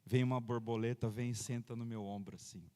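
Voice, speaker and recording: Pastor preaching in a reverberant church. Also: male voice, mid-range voice, fairly even intonation, fairly quick, mellow, clear, resonant tone. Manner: conversational preaching, frequent amens and hallelujahs. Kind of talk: sermon. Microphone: handheld microphone.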